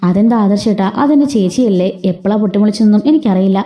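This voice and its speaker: A woman's voice: mid-range voice, fast, natural voice. A woman voicing a meek, apologetic young wife in a told story. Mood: pleading. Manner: soft, apologetic.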